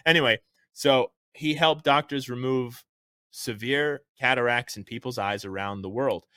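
A man hosts a political talk show with a punchy, opinionated delivery. He mixes commentary with a jokey streak. His medium-pitched voice comes through in a dry recording with very little room sound. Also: measured pace, pushed and bright, smooth, no echo. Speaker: show host.

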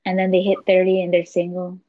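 A woman co-hosts a podcast, chatting casually and explaining things at length. Her voice is fairly low, monotone, and quick, and the audio is dull and lo-fi.

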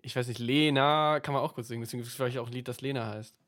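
A young man, a university student, co-hosting a casual podcast and chatting about songs in a relaxed, joking way. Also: mid-range voice, racing. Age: young adult. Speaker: podcast co-host.

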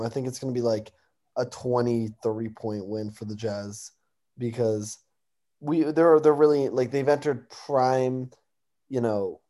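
A man's voice: medium pitch, dark tone. A young American man co-hosting a sports talk, casually giving predictions on games.

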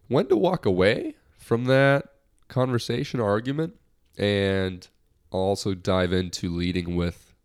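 Talking alone on his podcast, this young American host is lighthearted and rambling, often starting his sentences over. He has a lowish, clear, resonant voice, a bit nasal because he recently had a cold.

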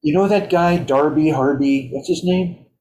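A man's voice: a little high, moderate pace, a crowd in the background. Chuckling man in a roomy space. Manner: storytelling, chuckling. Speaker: guest musician. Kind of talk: casual chat. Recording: roomy echo.

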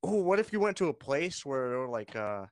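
A man's voice: mid-range voice, big pitch swings, brisk, darkish tone, slight background noise. A man co-hosting a casual podcast chat, laid-back and rambling, often ending lines with "man". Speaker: podcast co-host.

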